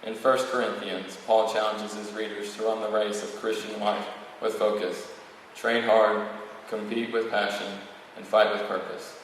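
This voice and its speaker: A man's voice: on the low side, little pitch movement, normal speed. A young man, about eighteen, delivering a prepared podium speech as a student valedictorian, reading with occasional stumbles. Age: young adult, about eighteen. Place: large reverberant room, speaking to an audience. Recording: very echoey hall, distant mic, faint noise.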